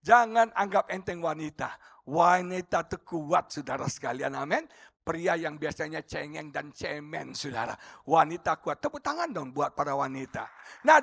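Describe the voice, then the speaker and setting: A man preaching a sermon as pastor, swinging between loud shouting and near-murmurs. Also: a little high, vocal fry, no echo, clean studio sound.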